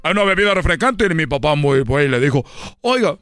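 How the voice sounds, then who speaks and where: A man's voice: fairly high pitch, big pitch swings, fairly quick, bright, forceful tone, clear, resonant tone, no room sound, clean studio sound, soft background music. A man voicing a rambling comic character who tells a long story, repeating himself and laughing at his own jokes. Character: rambling man, son of a dictator. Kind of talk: comedy sketch storytelling.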